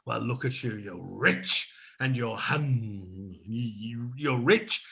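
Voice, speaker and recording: A man's voice: mid-range voice, slow, vocal fry, pushed and bright, heavily acted. A man playing a self-pitying, pompous pantomime dame on a video call, wailing melodramatically. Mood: giddy. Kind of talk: comic pantomime acting.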